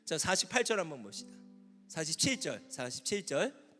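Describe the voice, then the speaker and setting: A man preaching at a youth camp as pastor, animated, asking the audience questions and at times shouting. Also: fairly high pitch, moderate pace. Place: large hall at a youth camp. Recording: long hall reverb with faint instrument music.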